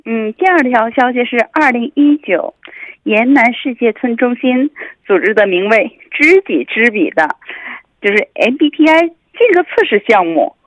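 A woman's voice: a little high, animated, unhurried, no room sound. Woman on a tinny phone line. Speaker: city official, phone guest. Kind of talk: explanatory phone interview. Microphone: telephone.

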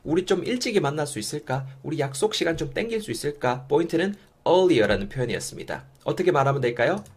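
A man teaching English phrases in a lesson, saying the model sentences slowly for students to repeat. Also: on the high side, big pitch swings, slightly rough. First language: Korean. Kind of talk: language lesson with listen-and-repeat drills.

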